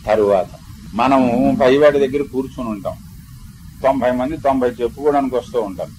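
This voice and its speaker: An older man with a Telugu accent, a spiritual teacher who chants verses slowly and melodically, then explains them in a discourse. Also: mid-range voice, a little mellow, slight background noise, rough recording. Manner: explanatory storytelling lecture.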